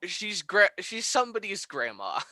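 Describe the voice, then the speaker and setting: A man with a bright, fairly high voice co-hosts a casual review podcast. He laughs often and swears freely as he talks. The sound is dry and close. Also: sing-song, normal speed, no room sound. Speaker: podcast co-host.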